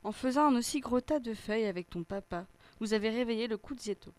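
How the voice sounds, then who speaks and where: A woman voicing a small, gentle female fairy who keeps order, in a measured storybook voice. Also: on the high side, natural voice. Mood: calm, firm.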